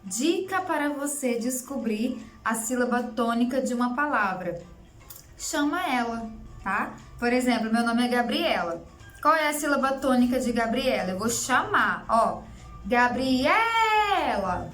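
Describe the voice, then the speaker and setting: A woman's voice: on the high side, animated, normal speed. A young woman teacher giving an online writing lesson, explaining patiently step by step and often checking in with her students. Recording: echoey room with faint music.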